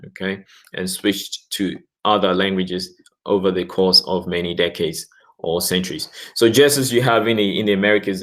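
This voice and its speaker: A man with a notably low, deep voice talks through a subject in a relaxed, explanatory monologue. He keeps tagging his points with "okay" and "you know", and trips over words as he reads passages aloud. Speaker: YouTube channel host.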